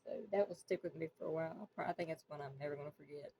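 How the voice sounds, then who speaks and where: A woman's voice: sits low, very fast, mellow, slight background noise, rough recording. A woman telling a casual storytime, rambling and acting out the quoted dialogue. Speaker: vlogger. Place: indoors, just woken up.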